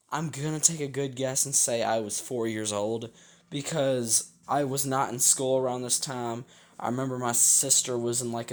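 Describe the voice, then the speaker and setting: Sick young man rambling through a story. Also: medium pitch. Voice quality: rough throat. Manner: rambling, self-correcting, full of fillers. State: sick with a sore throat. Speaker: storytime vlogger. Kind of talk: casual storytelling.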